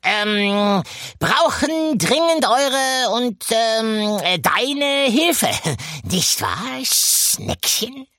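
A woman's voice: on the high side, expressive, extremely slow, fairly bright tone, no echo, studio quality, heavily acted. A woman voicing a sly, hesitant male rat father in an audiobook.

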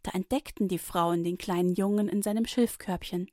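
A woman reading a Bible story for children, gently and expressively. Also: medium pitch, steady tone, normal speed, no echo, studio quality.

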